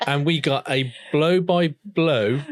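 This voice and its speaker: Podcast co-host, relaxed storytelling, middle pitch, dry close sound. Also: no echo. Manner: relaxed, drawn-out storytelling with fillers. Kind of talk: casual chat.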